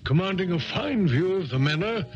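An actor playing an earnest, slightly blustery gentleman doctor, a loyal companion who also narrates a 1970s radio drama. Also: high-pitched, expressive, moderate pace, muffled recording. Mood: measured storytelling.

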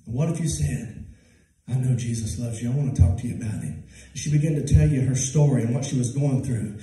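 A pastor in his thirties with a Southern US accent preaches a sermon from a church pulpit, talking fairly quickly. He swings from loud, high-pitched preaching to low, soft passages. He uses a handheld mic but is filmed from far off, and the church sounds echoey from the distance.

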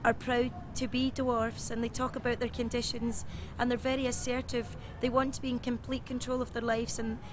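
A woman's voice: fairly high pitch, flat delivery, normal speed, background noise. A woman in her twenties talking in a matter-of-fact way as an interviewee. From Scotland. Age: 20s.

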